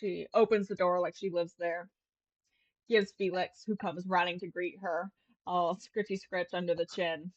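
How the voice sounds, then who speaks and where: A woman's voice: lowish voice, flat delivery, moderate pace, no echo, muffled recording. A woman narrating a tabletop game as game master in a casual, meandering way. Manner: casual, meandering, filler-heavy.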